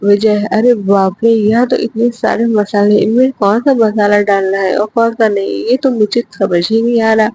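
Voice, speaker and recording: A woman's voice: medium pitch, fairly even intonation, moderate pace, few pauses, warm tone, breathy edge, poor audio. A woman voicing a lazy, fretful young man who grumbles worriedly to himself, in a storybook reading.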